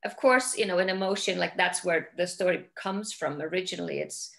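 Speaking from a home room with big windows, a middle-aged woman from Iceland, a film director, talks casually on a video call with an Icelandic accent. Her voice is lowish and creaky, with a fairly bright tone. She thinks as she goes, repeating words while hunting for how to say things.

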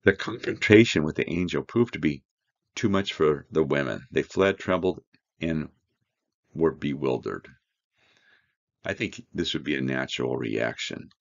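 A man teaching a verse-by-verse Bible study, reading scripture aloud and explaining it with slow, earnest emphasis. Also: very deep voice, expressive, creaky, lo-fi sound.

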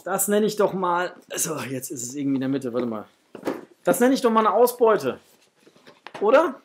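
A middle-aged man who runs a toy collecting channel chats casually to viewers during a toy unboxing, his high voice sing-song and his speed normal. He gushes with enthusiasm, and there's slight background noise in the small home room where he records.

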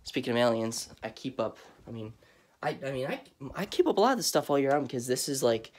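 A young adult vlogger with a stuffy, cold-blocked voice gives a rambling, chatty tour of his dark bedroom lit by Halloween lights, full of fillers. He talks fast in an animated, medium-pitched voice, filming on a phone held at arm's length.

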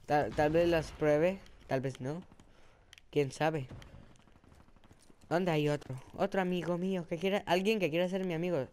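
A man with a put-on Spain Spanish accent, giving excitable, self-mocking live commentary over his own gameplay. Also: fairly high pitch, a little slow, pauses often, clean tone. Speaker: gaming channel host.

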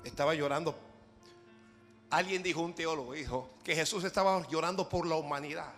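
A man preaching a sermon as pastor, moving from hushed prayer to shouted exhortation. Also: fairly high pitch, fairly quick, soft background music.

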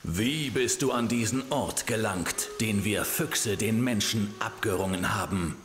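An actor playing an ancient blind fox spirit in a video game, a stern gatekeeper speaking in a solemn, archaic, imperious manner. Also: male voice, fairly low pitch, unhurried, fairly bright tone, a little hiss or hum. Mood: stern, commanding. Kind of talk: video game character acting. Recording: reverberant echoey hall, music underneath.

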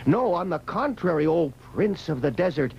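A fawning young magician. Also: male voice, fairly high pitch, normal speed, gravelly, slight background noise. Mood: flattering. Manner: grandiose, fawning flattery. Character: boastful young male magician Pindar, flattering and quick-witted. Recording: dull old cartoon soundtrack with loud music.

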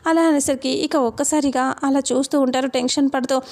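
Woman narrator, casual serial retelling, high voice, flat pitch, runs straight through each character's lines. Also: fairly quick. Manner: continuous storytelling that reads out every character's lines.

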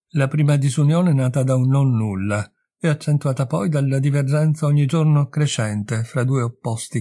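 A man narrating a classic short story as an audiobook, in a measured, deliberate way. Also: medium pitch, mellow, husky. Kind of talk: audiobook reading.

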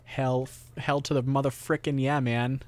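A young man with a sore throat streams a game and comments on it casually, rambling and swearing at himself and the game. His mid-range voice is flat and moves at a normal speed.

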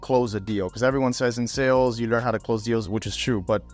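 A young sales executive from Miami, USA, tells his story as a podcast guest in a casual interview, recorded on a lapel mic in a small indoor room with armchairs. He speaks fairly quickly in a mid-range voice, animated and gesturing, dropping fillers like "um" and "right?". Faint music sits behind him.

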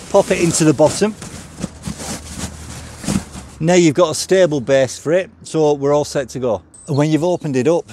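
A man's voice: mid-range voice, warm tone, slight background noise. A man, reviewing a product and walking through each step as he handles it outdoors. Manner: practical, step-by-step explaining while handling the cart. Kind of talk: hands-on product demonstration. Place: outdoors on a gravel yard by a stone house.

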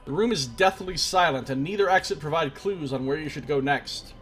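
In a let's play, a game streamer delivers the on-screen text with theatrical storybook flair, casually reacting between lines. His somewhat high, slightly bright voice moves fairly quickly over soft background music and faint noise.

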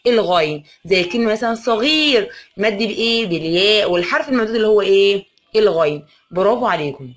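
A woman with an Egyptian accent teaching a reading lesson to young children. She asks question after question, answers them herself, and draws out words slowly. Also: medium pitch, lively intonation. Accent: Egyptian Arabic. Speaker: primary school teacher.

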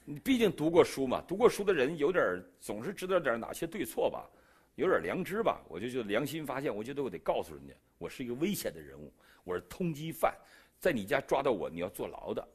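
This man, middle-aged and from China, gives his testimony in a sermon with a Beijing accent. He talks fast with a slightly rough voice, dramatizing the dialogue and jumping between pitches and loudness levels.

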